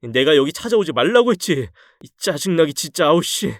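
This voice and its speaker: A man's voice: fairly high pitch, very animated, dry recording, clean studio sound. A man voicing a lying conman husband who drawls and snaps defensively. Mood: belligerent. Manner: drawling, slow and sulky.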